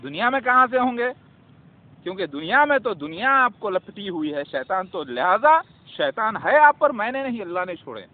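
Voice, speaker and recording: A man's voice: high voice, very animated. A man preaching to his viewers in a fervent, scolding religious monologue full of rhetorical questions. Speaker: self-styled religious preacher. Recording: tinny phone-like audio with faint noise.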